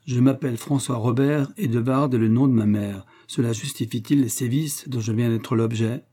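A man playing a proud, sharp-tongued young gentleman. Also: medium pitch, fairly even intonation, moderate pace, lightly acted. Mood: ironic. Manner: cutting, ironic.

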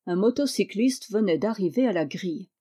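A woman reads an audiobook in scripted narration, measured and even-handed. Her tone is dark and mellow, at a mid pitch. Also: slightly rough.

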